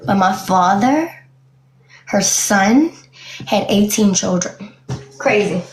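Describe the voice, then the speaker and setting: A woman's voice: medium pitch, animated, slow, slight background noise. Blunt woman in her twenties, roomy echo. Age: 20s. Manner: blunt, candid, laughs often. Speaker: interviewee. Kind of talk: casual interview chat.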